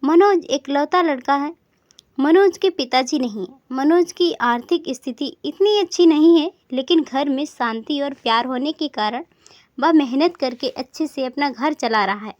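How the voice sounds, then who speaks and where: A woman storyteller with a high voice, reading in a steady, even way. The recording is dry and close, with a slightly dull, muffled tone. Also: moderate pace, dry recording. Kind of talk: storybook narration.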